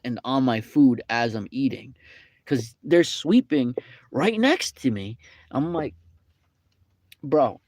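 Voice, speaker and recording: A young man in a casual rant, rambling and indignant, full of fillers. His voice sits at an ordinary middle pitch, and the sound is dry and close with little room echo. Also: darkish tone. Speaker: vlogger. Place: fast-food restaurant.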